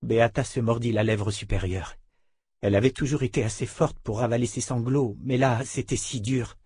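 A man reading a dramatic novel aloud as narrator, with a steady narration. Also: medium pitch, moderate pace, husky. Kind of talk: scripted audiobook narration.

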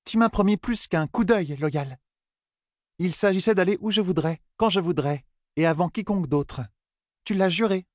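A proud young woman who never gives ground, voiced by a man reading the story. The voice sits high and sharp-edged, pitiless in its demands. The sound is dry and close, like a storybook read into a mic. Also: normal speed, no room sound, natural voice. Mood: insistent. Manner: stubborn, cutting, defiant.

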